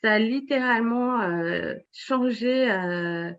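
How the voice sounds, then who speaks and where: A woman's voice: fairly high pitch, slow pace, dull audio. A woman in her forties, a web writer and blogger, talking in an interview with many fillers and restarts. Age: 40s. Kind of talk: casual interview.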